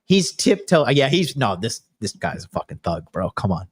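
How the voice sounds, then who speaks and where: A man's voice: medium pitch, big pitch swings, moderate pace, slightly rough. Brash, crude man in his late thirties. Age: 30s. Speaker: podcast host. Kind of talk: casual podcast chat.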